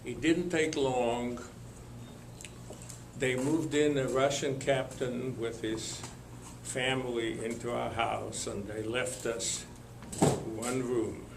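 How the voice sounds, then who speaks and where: An older man from Lithuania, telling his life story to an audience in a slow, halting way with many pauses and fillers. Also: medium pitch, fairly even intonation, vocal fry, roomy sound, background noise. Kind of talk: spoken testimony to an audience.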